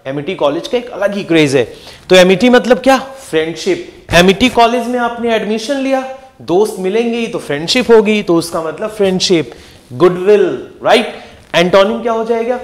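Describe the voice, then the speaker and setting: A young man with a fairly high voice teaching vocabulary with lots of energy. He repeats each word and keeps asking his students quick questions, pushing them to focus and remember. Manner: lively, repeats words and asks quick questions to the class. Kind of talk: energetic exam-prep lesson.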